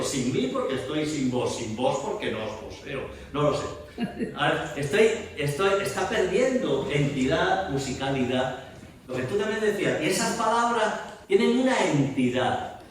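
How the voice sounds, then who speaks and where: A man's voice: fairly high pitch, a little hiss or hum. A man giving a masterclass on speaking text, explaining with rhetorical questions and reciting verse aloud. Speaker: theatre director and voice teacher. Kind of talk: masterclass lecture. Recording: echoey hall, voice from far off.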